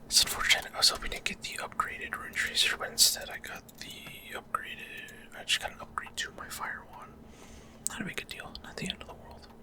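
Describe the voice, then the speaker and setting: Close to the microphone, a man hosting a gaming video talks in an unvoiced whisper, offering halting, casual ASMR commentary and explanations as he plays.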